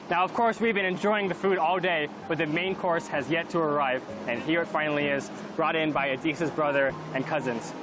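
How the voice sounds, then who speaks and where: A man's voice: fairly high pitch, steady tone, fairly quick, few pauses, background noise. A young man from California hosting a travel show, explaining customs in an upbeat way. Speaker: TV host. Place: outdoors at a wedding celebration.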